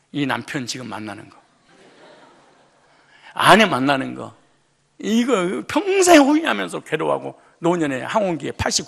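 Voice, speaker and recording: Gravelly, emphatic preaching pastor. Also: male voice, a little high. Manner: emphatic, rising to loud outbursts, colloquial. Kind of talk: sermon.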